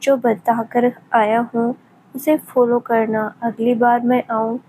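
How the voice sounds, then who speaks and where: A woman voicing a caring young male doctor who speaks softly and affectionately in an audio story. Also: on the high side, little pitch movement, slow pace, a little hiss or hum, rough recording. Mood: tender. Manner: soft, affectionate, coaxing.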